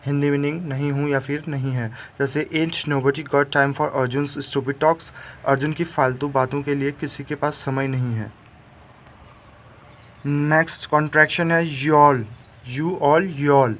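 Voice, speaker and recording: A man teaching English grammar. He reads the English examples slowly and clearly, then explains them in Hindi with many fillers. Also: mid-range voice, a bit bright, a little hiss or hum. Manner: frequent fillers and tag "theek hai". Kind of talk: bilingual grammar lesson.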